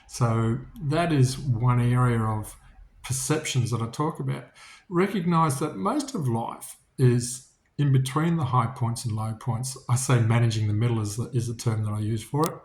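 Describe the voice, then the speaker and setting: A man's voice: mid-range voice, moderate pace, a little mellow, echoey room. A man giving a casual, reflective talk about faith and business, speaking informally and often restarting his sentences. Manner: informal, many restarts, storytelling.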